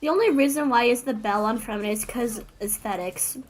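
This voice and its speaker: This VTuber's voice sits on the high side, and she talks fairly quickly as she streams a game. Her laid-back gaming chatter wanders, and she jokes around at her own expense.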